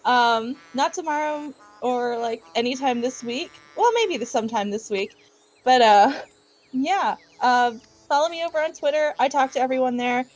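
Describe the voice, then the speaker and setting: A woman guesting on a stream as an artist, chatting in a relaxed, giggly way. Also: high voice, normal speed, low-quality recording. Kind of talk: casual stream chat.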